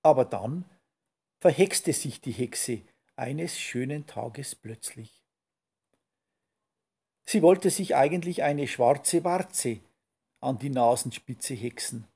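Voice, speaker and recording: Male storyteller, slow playful read-aloud, dark husky voice. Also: medium pitch, animated. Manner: slow, playful rhyming delivery.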